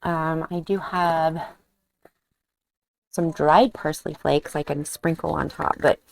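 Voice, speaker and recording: A woman's voice: low voice, steady tone, slow, vocal fry. A woman vlogging a cooking demonstration in her home kitchen, chatting casually and thinking aloud as she cooks and tastes.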